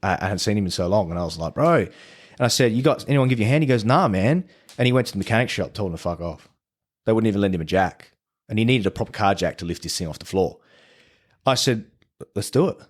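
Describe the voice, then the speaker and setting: Podcast guest: Australian man with a deep voice, casual and profane storyteller, acts out dialogue. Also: fast. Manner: swears freely, animated retelling of conversations.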